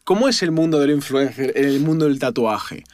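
A man's voice: medium pitch, animated, darkish tone, no echo, clean studio sound. A man, a podcast host asking curious questions in casual chat. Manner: curious, fires off quick questions.

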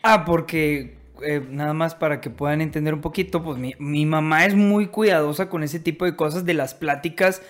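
A man with a Mexican Spanish accent telling family anecdotes in a casual podcast chat, animated and rambling, restarting his sentences. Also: a little high, normal speed, hardly any pauses. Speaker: podcast co-host.

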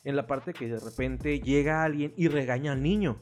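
A man with a Mexican accent chatting on a podcast, telling lively stories full of slang and casual swearing. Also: medium pitch, moderate pace. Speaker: podcast co-host.

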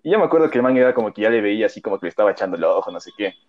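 A young man with a lowish voice and lively intonation races through a rambling story, packed with slang and fillers, in casual chat as a podcast co-host. The audio is dull and lo-fi.

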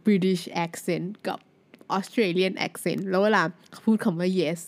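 A young woman from Thailand talks through her solo podcast in a loose, chatty way. She fills pauses often and drops English words into her sentences. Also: on the low side, fairly even intonation, vocal fry. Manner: chatty, many fillers, mixes English words. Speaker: podcast host. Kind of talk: casual solo podcast talk.

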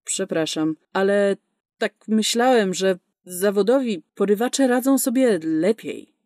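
A woman's voice: mid-range voice, unhurried, a little mellow, dry recording, studio quality, natural voice. A woman voicing a nervous, apologetic male client in a storybook reading. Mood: hesitant. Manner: hesitant, apologetic. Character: nervous, dazed male client hiding from gunfire.

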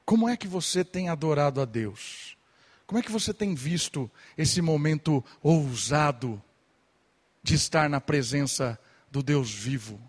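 A young man preaching a sermon to his congregation, lively and animated, sometimes imitating gossiping churchgoers. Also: on the high side, unhurried, husky, in a large hall. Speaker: pastor.

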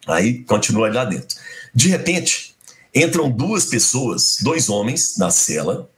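A man's voice: medium pitch, takes it slowly. A middle-aged man from Belo Horizonte, telling a personal story in a conversation and acting out the dialogue as he goes. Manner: animated, acts out quoted dialogue. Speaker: guest.

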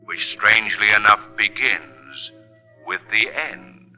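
An actor playing a sinister, mocking invisible avenger on a 1940s radio drama, with a deep, slow, menacing voice. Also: male voice. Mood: ominous. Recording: dull old radio broadcast with music.

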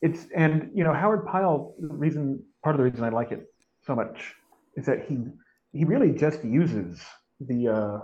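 A man's voice: on the high side, animated, moderate pace, darkish tone. A man hosting a podcast, chatting eagerly about a book and reading passages from it aloud. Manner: enthusiastic, restarts often. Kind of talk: casual chat and reading aloud. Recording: dull lo-fi audio.

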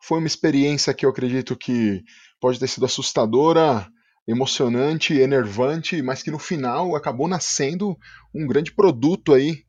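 A man's voice: mid-range voice, moderate pace, a little mellow, slightly rough, muffled recording. A man with a Brazilian Portuguese accent hosting a casual podcast interview in an effusive, slangy, hyperbolic way. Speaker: podcast host.

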